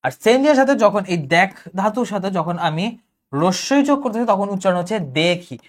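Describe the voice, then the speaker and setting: A young man with a Bangladeshi Bengali accent, teaching an online exam-prep lecture, briskly explaining rules and answering imagined student questions. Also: sits high, animated. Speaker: exam tutor.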